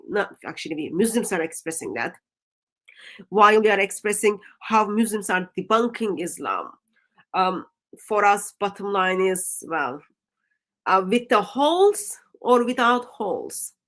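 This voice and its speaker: Hosting a live religious discussion with evangelistic exhortation, this woman speaks in a mid-range, slightly bright voice. Turkish is her native language, her accent shows it, and her delivery is deliberate and emphatic, built around repeated phrases.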